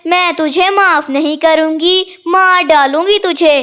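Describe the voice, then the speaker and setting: A woman voicing the ghost of a vengeful mother bird, speaking slowly and menacingly in a cartoon. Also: very high voice, sharp tone, heavily acted. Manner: slow, drawn-out, menacing.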